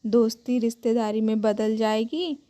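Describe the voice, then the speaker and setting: A woman's voice: a little high, fairly even intonation, moderate pace, warm tone. A woman reading a scripted, emotional family story as a storyteller.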